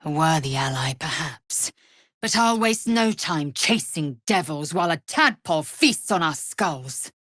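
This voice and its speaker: Lae'zel, haughty warrior woman, animated pitch. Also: measured pace, no room sound, clean studio sound, full character voice. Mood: brisk, commanding. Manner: imperious, clipped, scornful, formal archaic phrasing. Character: fierce, proud, haughty young alien warrior woman, blunt and zealous. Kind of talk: fantasy video game character lines.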